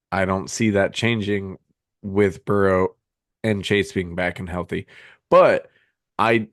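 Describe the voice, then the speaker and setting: A man with a low voice, hiccuping as he talks sports in a loose, rambling way. He chats casually, full of ums and restarts, on a dry, close microphone. It sounds like a remote podcast call. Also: no room sound. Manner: rambling, filler-heavy, frequent restarts. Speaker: podcast co-host. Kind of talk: casual fantasy football chat.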